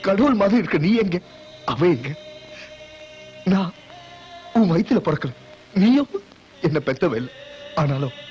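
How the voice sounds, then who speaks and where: A man's voice: on the high side, darkish tone. An actor dubbing a grown son who grieves and rages at his birth mother, speaking with passion and repeating his lines. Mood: pleading. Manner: impassioned, pleading, repeating lines. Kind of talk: dubbed film acting. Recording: muffled film soundtrack with music.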